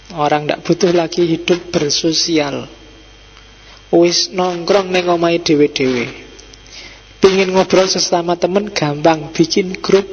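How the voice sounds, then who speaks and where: A middle-aged man with a Javanese accent giving a relaxed, teasing philosophy lecture to a study circle in a mosque, slipping into Javanese asides. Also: fairly high pitch. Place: mosque hall. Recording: dull echoey hall recording with faint hum.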